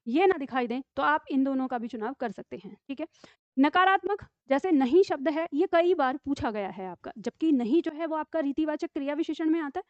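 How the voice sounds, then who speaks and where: A woman teaching a grammar lesson, explaining step by step with frequent check-ins and slowly dictating example sentences. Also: sits high, lively intonation, dry recording. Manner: explains step by step, often asks "ठीक है?". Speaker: Hindi teacher. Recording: dull lo-fi dry room sound.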